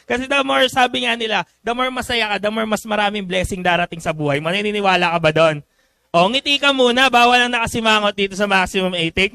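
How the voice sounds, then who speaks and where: A man's voice: very high-pitched, bright, forceful tone, clean tone, no room sound. Joking young man working a seminar crowd. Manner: joking, teasing the audience with call-and-response questions. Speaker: business seminar speaker. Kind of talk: lively motivational talk to a live audience.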